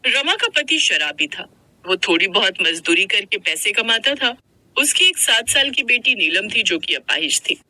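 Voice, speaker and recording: A woman narrating a moral story for a cartoon in an expressive, melodramatic reading. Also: medium pitch, normal speed, dry recording, low-quality recording.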